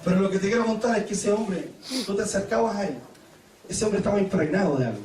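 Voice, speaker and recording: A Chilean man preaching a Pentecostal sermon, telling stories with laughter and sudden shouted praises. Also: sits high, quick pace, recorded from a distance. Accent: Chilean Spanish. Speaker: pastor. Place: church hall. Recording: echoey church hall, mic from afar.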